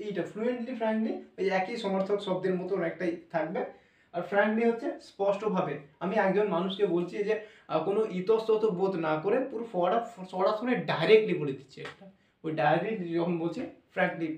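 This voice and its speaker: Male teacher, high voice, spells words letter by letter, recorded from a distance in a roomy hall. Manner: spells words out letter by letter, repeats and self-corrects. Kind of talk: classroom lesson explaining English pronunciation. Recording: echoey room, voice from a distance.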